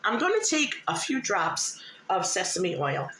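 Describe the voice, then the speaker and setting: A woman's voice: medium pitch, wildly swooping pitch, measured pace. A woman giving a casual home cooking demonstration in a homely, plain-spoken way, a little short of breath as she recovers from illness. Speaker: host of a home cooking vlog. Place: indoors at home, in a kitchen. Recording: roomy echo, clear background noise.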